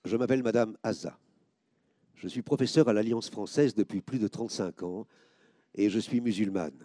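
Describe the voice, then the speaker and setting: A man reading first-person stories aloud, expressive, lifting his voice sharply when he quotes the people in them. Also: fairly low pitch, moderate pace, no room sound, clean studio sound. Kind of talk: scripted narration.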